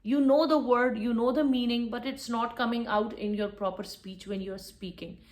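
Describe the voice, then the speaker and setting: A woman delivering an English lesson in a firm, instructive way. Her voice sits a little high, and she repeats her main points so they stick. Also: fairly even intonation, normal speed. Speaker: English teacher. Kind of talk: spoken lesson to camera.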